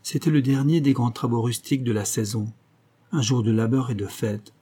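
A man narrating a novel as an audiobook in a measured, even storytelling manner. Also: medium pitch.

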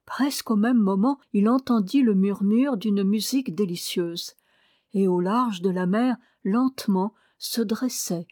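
Woman storyteller, measured read-aloud delivery, mid pitch, dry recording. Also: darkish tone, no echo. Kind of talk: reading a fairy tale aloud.

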